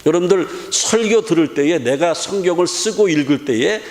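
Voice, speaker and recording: A man's voice: on the high side, animated, normal speed, a little mellow. A middle-aged man preaching a sermon as pastor, emphatic and full of rhetorical questions. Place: church sanctuary. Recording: echoey church hall with long reverb.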